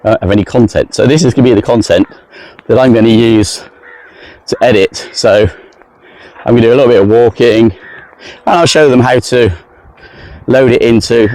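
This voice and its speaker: A man's voice: lowish voice, darkish tone, no echo. A man talking casually to his camera while walking outdoors around a lake in the heat, rambling and self-deprecating. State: sweaty in the heat. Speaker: travel vlogger. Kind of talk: casual walking vlog monologue.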